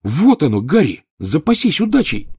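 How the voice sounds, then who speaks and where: A man's voice: fairly high pitch, huge pitch swings, normal speed, darkish tone, breathy edge, voice pushed up, full character voice. A man voicing a blunt, grumbling teenage schoolboy in an audiobook.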